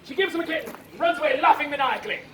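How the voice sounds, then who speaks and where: A man telling a story to a live festival crowd as a comedy performance, giving his volunteers animated stage directions and shouting now and then. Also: extremely high pitch, rapid-fire. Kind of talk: live audience-participation comedy retelling. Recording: far-off echoey outdoor crowd recording.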